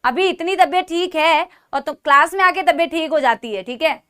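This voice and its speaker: A woman with a high, sharp-toned voice teaches a live online biology class at normal speed despite a sore throat. She speaks Hindi sprinkled with English, calls her students "beta," and asks "theek hai?" after almost every point.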